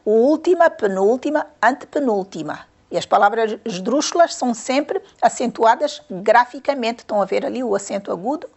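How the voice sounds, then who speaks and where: A woman's voice: fairly high pitch, lively intonation, moderate pace, few pauses, a little mellow. A woman teacher giving a grammar lesson to young pupils, patiently repeating questions and counting syllables aloud.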